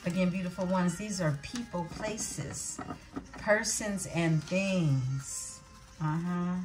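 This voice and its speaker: A woman giving a tarot reading, calling out names and signs in an unhurried way and calling her viewers beautiful ones. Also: fairly low pitch, soft background music. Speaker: tarot reader.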